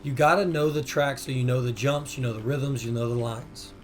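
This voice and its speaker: A hoarse man hosting a gaming channel, talking casually over gameplay as he explains racing tips. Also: mid-range voice, brisk, soft background music. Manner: laid-back, peppers talk with "man". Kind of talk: casual game tutorial voice-over.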